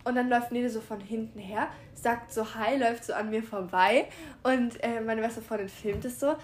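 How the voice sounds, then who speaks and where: Young woman chatting on earbuds, highish voice, lots of fillers. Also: fairly even intonation, normal speed. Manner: chatty storytelling, filler-heavy, acts out quotes. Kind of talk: casual chat. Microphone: wireless earbuds.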